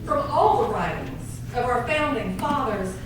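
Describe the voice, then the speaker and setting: A woman's voice: a little high, sing-song, a little slow. A woman at a town hall meeting, lecturing in an affected Southern aristocratic drawl. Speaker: town hall attendee asking a question. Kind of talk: formal speech at a public meeting. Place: large public meeting room. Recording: echoey hall from far off, loud background noise.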